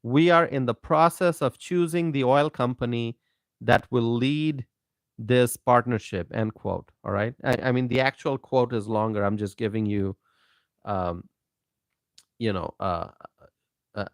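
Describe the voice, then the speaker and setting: Male channel host from Bangladesh, unhurried emphatic monologue, dry close sound. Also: mid-range voice, dry recording. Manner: repetitive, emphatic, addresses viewers directly. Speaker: political commentary channel host. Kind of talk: casual monologue to camera.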